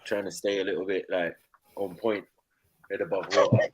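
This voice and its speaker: A man's voice: sits low, flat delivery, moderate pace, a crowd in the background. A young man hosting a casual online panel chat, slangy and laughing often. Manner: laid-back slangy banter, laughs often. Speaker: host.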